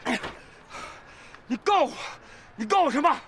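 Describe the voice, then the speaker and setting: A shrill indignant brother-in-law. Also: male voice, big pitch swings, rapid-fire, fairly bright tone, slight background noise, exaggerated voice. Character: indignant man, self-styled elder brother-in-law.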